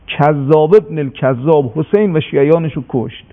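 A man's voice: fairly high pitch, lightly acted. A man voicing an arrogant young governor who is drunk on power, speaking with scornful, commanding menace on a radio broadcast. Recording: tinny phone-like radio broadcast.

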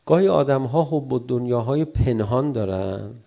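Preaching a sermon, a middle-aged cleric speaks in a gravelly, medium-pitched voice with a dark, mellow tone. He is animated, acting out quarrelling spouses in raised voices to drive home his points.

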